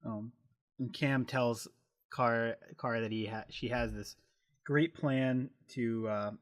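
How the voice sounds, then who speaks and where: A man's voice: mid-range voice, fairly even intonation, slow pace. A man co-hosting a podcast in casual chat, with dry, teasing banter. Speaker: podcast co-host.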